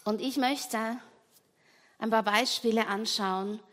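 Eine Frau predigt ernst und eindringlich und spricht die Zuhörer direkt an. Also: female voice, a little high, steady tone, slow, a bit bright. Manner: earnest, emphatic, addresses listeners directly. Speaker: preacher. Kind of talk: sermon.

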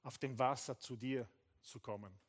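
A man preaching a sermon as pastor, animated, acting out short dialogues and dropping English phrases into his German. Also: mid-range voice, normal speed, slightly rough. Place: church hall.

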